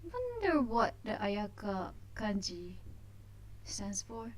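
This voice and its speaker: A woman's voice: mid-range voice, huge pitch swings, slow, a little hiss or hum. A woman hosting a let's play of a visual novel, chatting casually in a hesitant, self-conscious way. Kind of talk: casual let's play chat with read-aloud narration.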